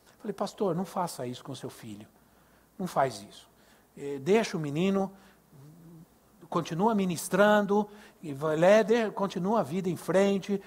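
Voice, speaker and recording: A man's voice: high voice, normal speed, long pauses, breathy edge. An older man with a Brazilian Portuguese accent, preaching a sermon at a youth service, telling stories and asking the congregation questions. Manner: animated, acts out dialogue, asks the congregation questions. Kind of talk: sermon with storytelling.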